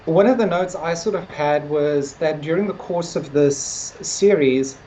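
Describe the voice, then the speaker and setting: On a low-quality recording with slight background noise, a woman co-host talks through a TV series in a warm, low-pitched voice, a little slowly. Her style is hedging and chatty, peppered with "like" and "sort of."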